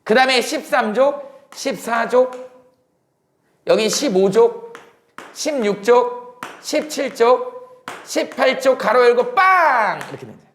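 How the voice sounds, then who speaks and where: Lively male science lecturer who quizzes the class and answers himself; echoey room. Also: extremely high pitch, a little slow, pauses often. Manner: explains in a casual speaking style, asks questions and then answers them himself. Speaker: science teacher.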